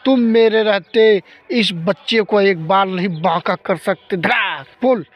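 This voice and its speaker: A man's voice: high-pitched, takes it slowly, muffled recording. A man voicing a stern holy man who scolds a ghost and reassures a child. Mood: commanding. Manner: commanding, reassuring.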